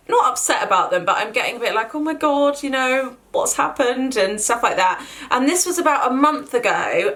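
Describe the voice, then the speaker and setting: A woman's voice: on the high side, fairly bright tone. A woman in her twenties giving a casual, chatty skincare review, often doubling words for emphasis and filling gaps with "like". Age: 20s. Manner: chatty, repeats words for emphasis, many fillers. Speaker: beauty vlogger.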